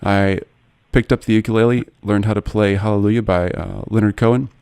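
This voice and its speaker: Male podcast host, 40s, low voice, smooth and clear, dry close sound, earnest. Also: steady tone, brisk, darkish tone, no echo. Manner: earnest, personal and eager. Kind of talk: podcast interview.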